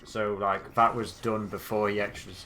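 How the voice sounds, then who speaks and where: A man's voice: fairly low pitch, flat delivery, moderate pace, pushed and bright, a little hiss or hum. A young man hosting casual gameplay commentary, joking and laughing often as he plays. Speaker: gaming channel host.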